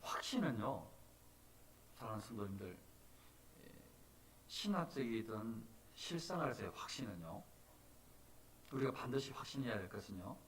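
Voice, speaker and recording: A man preaching a sermon as pastor, animated, moving from soft talk to loud cries. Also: medium pitch, recorded from a distance, slight background noise. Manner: animated, swings from soft to shouting. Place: church sanctuary.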